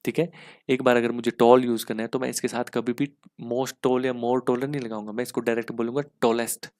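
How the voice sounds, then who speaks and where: Guy doing exam grammar prep, kinda gravelly voice, dry close mic, keeps checking ok? ok?. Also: medium pitch, level tone, fairly quick, a little mellow, no echo. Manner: explains step by step, keeps asking "ठीक है?". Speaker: English grammar teacher.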